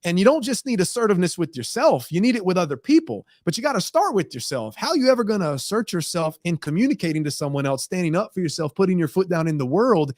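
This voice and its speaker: An emphatic man delivers a motivational segment on a talk show. His voice sits a bit high, and he pushes it higher as he drives his points home. The recording is dry and close. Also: dry recording. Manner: earnest, emphatic, rising with emphasis. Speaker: guest segment presenter.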